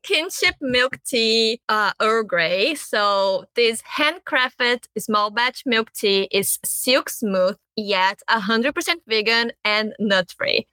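A woman co-presents a live awards ceremony informally and with enthusiasm. She takes her time, and her bright voice is recorded dry, with no room sound. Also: a little high, lively intonation, takes it slowly, few pauses, no echo.

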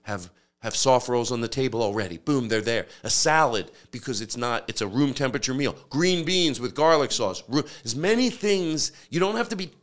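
A man's voice: medium pitch, animated, moderate pace. A man telling long, rambling stories in casual chat, with many restarts and asides.

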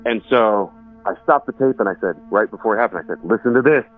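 A man's voice: on the low side, quick pace, faint music behind. A man from Texas casually recounting a story at home in a loose, rambling way, with restarts. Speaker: musician and homeowner telling a ghost story. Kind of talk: casual spoken recollection. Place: his house in the woods. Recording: dry, thin phone-like sound.

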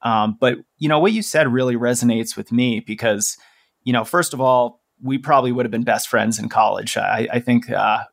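A man in his late thirties hosting a podcast, chatting in a relaxed, joking way with frequent fillers. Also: medium pitch, moderate pace, creaky, dry recording, clean studio sound. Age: 30s. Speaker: podcast host. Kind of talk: casual podcast chat.

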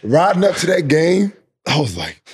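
A young man hosting a casual chat, slangy and joking, chiming in with quick agreement and his own stories. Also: fairly high pitch, sing-song, over a noisy crowd. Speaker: podcast host, former college player.

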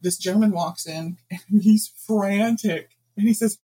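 A woman guest author telling anecdotes in a casual interview, animated and laughing often. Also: mid-range voice, a little slow, husky, low-quality recording.

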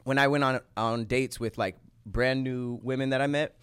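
An American man in casual chat, talking in a slangy, animated way. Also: mid-range voice, moderate pace, clean tone.

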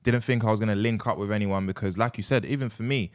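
A young man with a London accent, chatting casually and telling stories in a slangy, animated way, often repeating himself. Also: on the low side, quick pace. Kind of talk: casual chat, storytelling.

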